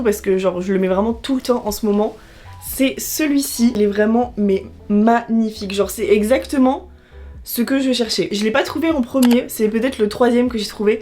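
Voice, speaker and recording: A woman's voice: fairly high pitch, darkish tone. A young woman, chatting casually to camera about her thrift haul, rambling with lots of filler words. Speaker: fashion vlogger.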